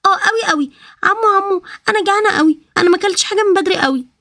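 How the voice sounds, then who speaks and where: A tiny, excitable girl squeals and chatters in Egyptian Arabic. The voice sits far above an adult's and races along. The recording is close and dry. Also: extremely high pitch, rapid-fire, no echo, pitched above the performer's own voice, full character voice. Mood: pleading. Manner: squealing, childlike. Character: excitable little girl, hungry and bouncy.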